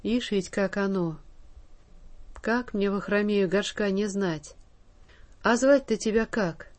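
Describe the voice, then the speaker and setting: A woman's voice: medium pitch, slow pace, natural voice. A woman voicing a kindly, bustling, pious old male forester in a read-aloud story, speaking in folksy rustic talk. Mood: moved. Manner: folksy rustic speech, cheerful fussing.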